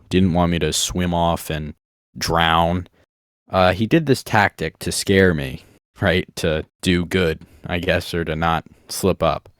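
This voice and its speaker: A man's voice: low-pitched, dry recording, studio quality. A young man telling casual, rambling, self-deprecating childhood stories to his viewers. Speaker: vlogger. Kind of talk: casual storytelling monologue.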